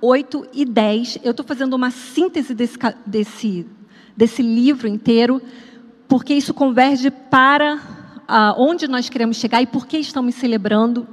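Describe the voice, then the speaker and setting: A woman's voice: fairly high pitch, unhurried, in a large hall. A woman with a Brazilian Portuguese accent preaching a sermon, talking to the congregation directly in a conversational, storytelling way. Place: church sanctuary at an evening service.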